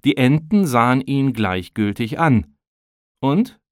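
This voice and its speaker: A man calmly narrating an audiobook in a measured storytelling manner, close to the mic. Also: fairly low pitch, no room sound. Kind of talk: scripted narration.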